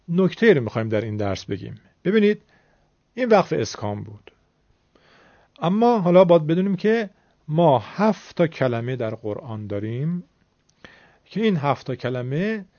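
A man's voice: on the high side, dark tone, dry recording. Man teaching recitation, dry lo-fi sound. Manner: explains patiently, repeats words for learners. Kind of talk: classroom lesson explaining rules. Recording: dull lo-fi sound.

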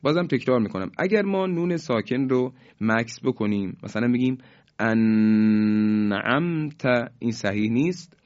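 A man gives a recitation lesson in a mid-pitched voice. He explains rules quickly and then draws out each example word slowly. The recording is dull and lo-fi. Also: a little mellow. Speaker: Quran recitation teacher.

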